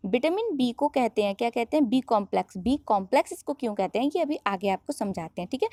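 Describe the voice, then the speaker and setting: A woman's voice: on the high side, lively intonation, quick pace, dark tone, no room sound. A woman teaching a biology lesson online, who asks questions and answers them herself.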